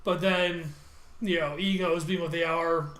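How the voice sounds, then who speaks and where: A man's voice: fairly high pitch, a little slow, roomy sound. A man co-hosting a podcast, casually recapping a TV episode and acting out characters' lines as he goes, swearing freely. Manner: animated, acts out characters' lines while retelling, swears casually. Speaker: podcast co-host.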